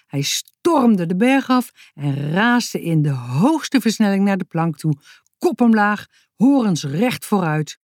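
A woman narrating a children's audiobook in a calm, measured storytelling manner, close to the mic. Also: mid-range voice, no echo.

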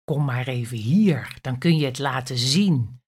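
A woman voicing a sly crocodile in a storybook reading, low and hushed. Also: expressive, unhurried, slightly rough, exaggerated voice.

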